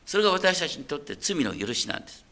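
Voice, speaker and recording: A man's voice: fairly high pitch, big pitch swings, quick pace, creaky, sharp tone. A man preaching a sermon as a pastor. He talks in a conversational way, puts questions to the listeners and often checks that they are following.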